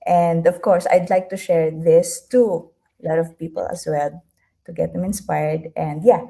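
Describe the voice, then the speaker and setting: A woman hosts a live stream interview in a low, gravelly voice. She talks in a chatty way, with many fillers and restarts. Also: steady tone, measured pace, dark tone. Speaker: host.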